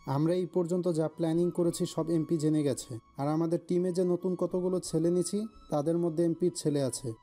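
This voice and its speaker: A man voicing a calm, cunning gang boss. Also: a little high, a little fast, soft background music, close to an everyday voice. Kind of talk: audio story drama.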